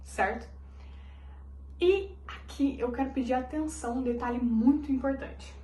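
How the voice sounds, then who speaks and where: A woman's voice: sits high, mellow. Patient woman teaching, echoey room. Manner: patient, drills each letter by repeating it slowly. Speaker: Spanish teacher. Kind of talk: language lesson explanation. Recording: roomy echoey recording.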